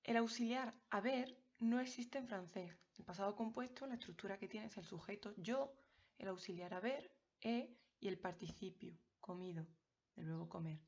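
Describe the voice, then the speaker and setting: A woman walks her students through a grammar lesson, clear and patient, often checking they follow. Her voice sits at a middle pitch. The recording sounds a little dull and lo-fi. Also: normal speed. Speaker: French teacher. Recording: slightly dull lo-fi audio.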